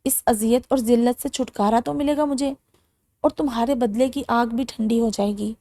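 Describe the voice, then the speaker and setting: A woman's voice: a little high, fairly even intonation, warm tone, no echo, studio quality, close to an everyday voice. A woman voicing a bitter, defiant young woman held captive in a romance audiobook.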